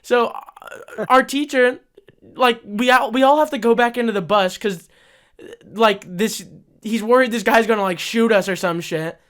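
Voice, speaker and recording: A man's voice: very high voice, moderate pace, fairly bright tone. A young man telling a crude story in a casual podcast chat, laughing as he goes. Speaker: podcast host.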